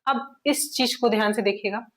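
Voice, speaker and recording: A woman with a somewhat high voice walks students through a grammar lesson. She talks patiently and methodically, repeating each word form aloud so it sinks in. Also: fairly even intonation, normal speed, a bit bright. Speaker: English grammar teacher. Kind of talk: classroom-style explanation.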